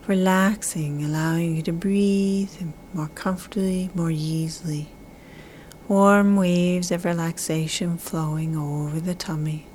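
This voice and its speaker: A woman leads a guided relaxation in a soft spa-like half-whisper. Her voice sits fairly low and soothing, with drawn-out, repeated phrases. A light layer of ambient noise runs behind her. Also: fairly even intonation. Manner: slow, drawn-out phrasing with repetition.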